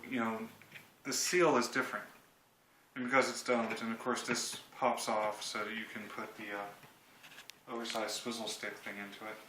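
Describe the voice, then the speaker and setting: With a medium-pitched, bright and forceful voice, a man in his thirties gives a loose, joking product review from his home kitchen. The handheld camera sits a short distance away, and the echoey recording has obvious noise and clicks.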